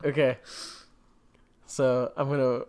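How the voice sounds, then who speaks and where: A man's voice: mid-range voice, flat delivery, slow pace, warm tone, slight background noise. A man co-hosting a podcast in casual chat, rambling with lots of fillers and jokes. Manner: rambling, filler-heavy, jokey. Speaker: podcast co-host.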